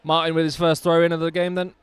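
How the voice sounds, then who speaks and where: A man's voice: a little high, completely flat delivery, quick pace, clean tone, dry recording. A man doing live rugby commentary outdoors, chatty and enthusiastic with jokey asides.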